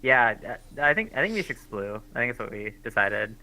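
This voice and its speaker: A man's voice: medium pitch, very animated, a little fast, vocal fry, bright, forceful tone, poor audio. A man giving casual, hesitant color commentary on a live esports match, with lots of fillers.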